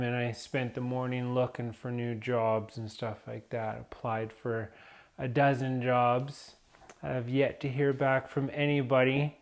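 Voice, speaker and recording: Slow, rambling man vlogging. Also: mid-range voice. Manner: rambling, hesitant, many fillers and restarts. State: coughing from dust. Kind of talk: unscripted vlog talk.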